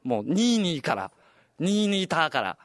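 A young man from Okinawa with an Okinawan accent, a comedian and radio host telling stories in a chatty, animated way. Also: on the high side, measured pace, no echo. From Okinawa, Japan. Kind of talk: casual storytelling chat.

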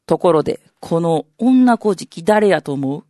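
A woman's voice: on the low side, animated, moderate pace, warm tone, no echo, clean studio sound, voice pushed down, close to an everyday voice. A woman with a Kansai accent voicing a condescending older know-it-all in rakugo, bluffing his way through a story. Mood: storytelling.

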